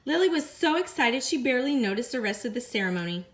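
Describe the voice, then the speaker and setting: A teacher reads a picture book to her students in a storytelling style full of expression, her voice a little high. She eases off the pace on repeated lines and raises her voice for the characters.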